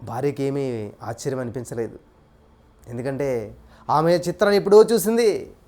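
A man's voice: medium pitch, normal speed, dark tone. A man preaching a sermon, telling a story with repetitive, emphatic phrasing.

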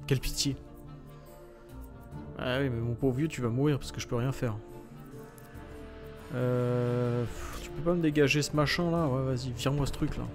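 A man's voice: medium pitch, fairly even intonation, moderate pace, long pauses. A man giving casual, sarcastic commentary while playing a video game, swearing freely and muttering to himself. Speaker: gaming video host. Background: faint game music.

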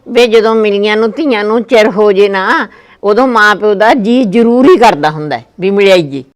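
Man voicing an old grandmother, high voice, plaintive, nagging, family skit. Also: moderate pace, clear, resonant tone, lightly acted. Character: elderly village grandmother, missing her daughter. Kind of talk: family comedy skit acting.

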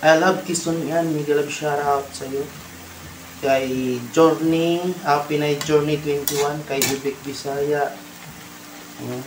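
A man with a Filipino accent talks casually to his viewers while cooking, giving shout-outs between stirs. The sound is roomy, picked up in a home kitchen, with loud sizzling and the clatter of pans behind him. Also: a little high, fairly even intonation, slow pace, background noise. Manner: chatty, greeting viewers while stirring. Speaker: cooking vlogger. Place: home kitchen, indoors, at a stove.

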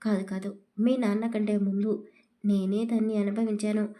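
A woman reading the lines of a cruel, mocking middle-aged man in a storybook, with taunting, shouting delivery. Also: mid-range voice, flat delivery, moderate pace, lightly acted.

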